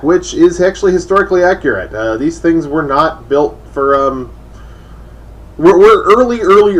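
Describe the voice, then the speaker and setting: A man's voice: medium pitch, recorded from a distance. Chatty young man reviewing a toy. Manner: enthusiastic, chatty with fillers.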